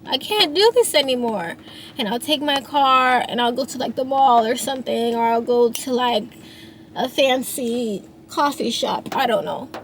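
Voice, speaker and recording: A woman in her thirties who is a singer and songwriter muses on her feelings at a measured pace, her voice on the high side. The monologue rambles, full of restarts and fillers, and the poor audio has a little hiss or hum.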